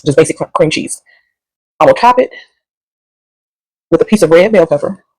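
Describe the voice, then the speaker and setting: A woman's voice: low-pitched, animated, moderate pace, darkish tone, slightly rough, no echo, rough recording. A woman doing a casual, rambling food review at home, sassy and sometimes talking while she eats.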